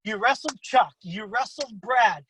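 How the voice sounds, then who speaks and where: A man hosting a casual interview over a video call who swears freely and jumps into excited voices when he quotes other wrestlers. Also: unhurried, slight background noise, rough recording. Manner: profane, swears freely in anecdotes; acts out quotes with big pitch jumps. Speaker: interview host.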